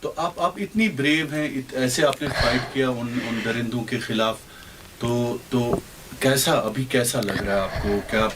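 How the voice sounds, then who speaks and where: Gentle coaxing interviewer with noise. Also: female voice, rumbling low. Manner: gentle, coaxing, repeats words. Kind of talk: emotional interview. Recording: noisy background.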